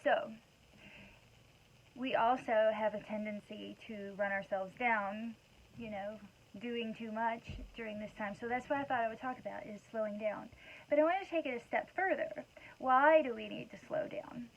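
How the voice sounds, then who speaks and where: A woman with a somewhat high voice and a gravelly edge talks to the camera in a loose, conversational way, full of asides. It is a motivational talk from a mother. The recording is dull and lo-fi, with a faint hiss behind her. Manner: rambling and conversational, many asides. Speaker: wellness talk host. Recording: dull lo-fi sound with faint background noise.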